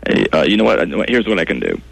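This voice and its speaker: A man's voice: deep voice, wildly swooping pitch, gravelly, slightly rough, full character voice, low-quality recording. A man playing a clueless, defensive tech support guy who sighs and gets baffled by simple questions. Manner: slow, baffled, defensive, sighing. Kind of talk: comedy sketch acting.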